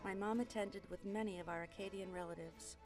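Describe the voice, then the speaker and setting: Woman narrating over clearly audible music. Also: mid-range voice, fairly even intonation, brisk. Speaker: documentary narrator. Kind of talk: scripted documentary narration. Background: musical instruments.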